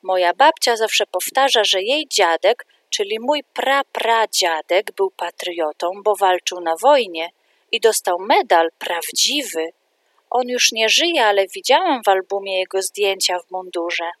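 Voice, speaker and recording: A woman's voice: medium pitch, lively intonation, measured pace, a bit bright, dry recording. A woman voicing an eager, proud little preschool girl in a read-aloud storybook.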